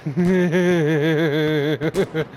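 A woman's voice: deep voice, steady tone, very slow. A woman gamer on voice chat, swearing, laughing and yelping during casual banter. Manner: swears and laughs, yelps loudly. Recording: noisy voice chat mic.

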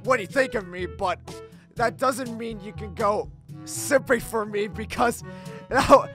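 A man's voice: high voice, measured pace, music in the background. A man voicing an edgy, brooding hedgehog in a comic dub, stammering and repeating himself in an overwrought way. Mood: panicked, uneasy. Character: edgy, brooding male hedgehog, panicky and easily disgusted.

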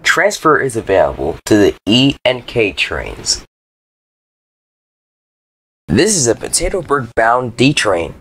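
A man reading scripted transit announcements like a subway or airport announcer, in a formal, measured manner. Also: medium pitch, wildly swooping pitch, fairly bright tone, slightly rough. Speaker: train announcer.

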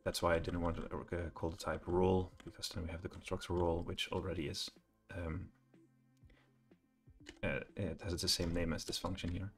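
Low-voiced man thinking aloud while coding. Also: flat delivery, moderate pace, faint music behind. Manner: thinking aloud, hesitant with many fillers. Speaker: programming tutor. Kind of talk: live coding walkthrough.

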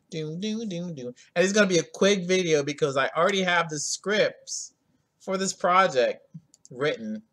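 Laid-back guy walking through code slowly, lots of ums, keyboard clicks behind him. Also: medium pitch, fairly bright tone. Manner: laid-back, rambling, many ums and asides. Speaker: coding tutorial host. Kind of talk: screen-recorded coding tutorial.

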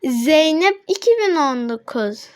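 High, lively, excitable female gamer. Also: takes it slowly. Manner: excitable, addresses viewers as friends, reads chat aloud; bursts into high laughing shouts. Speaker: gaming channel host. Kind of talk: casual gameplay commentary.

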